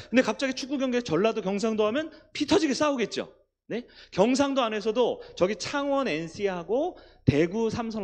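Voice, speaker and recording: Lively, high-voiced male preacher. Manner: lively preaching, asks the congregation questions and answers them. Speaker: pastor. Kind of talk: sermon. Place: church.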